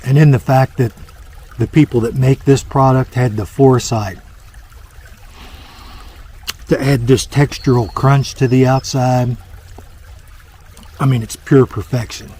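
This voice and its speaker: A man's voice: mid-range voice, fairly even intonation, moderate pace, mellow, slight background noise. A man vlogging on a hike, giving a mock-serious, savoring food-critic review outdoors by a lake. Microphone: small handheld camera.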